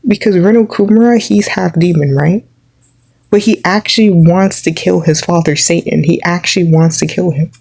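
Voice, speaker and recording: A woman's voice: lowish voice, moderate pace, vocal fry, a little mellow, breathy edge, poor audio. A young woman vlogger rambling through an opinionated rant, filling her talk with "like" as she goes. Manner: rambling, opinionated, heavy use of "like".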